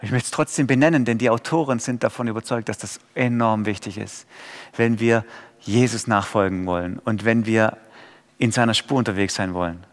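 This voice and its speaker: A man preaching a sermon, dropping to quiet and rising to loud pleading cries. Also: on the low side, steady tone, fairly quick, big-room sound.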